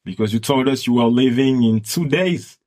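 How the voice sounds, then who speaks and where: A man's voice: medium pitch, normal speed, dark tone. A man whose first language is French, hosting a podcast interview in English in a friendly way, often repeating words. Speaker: podcast host.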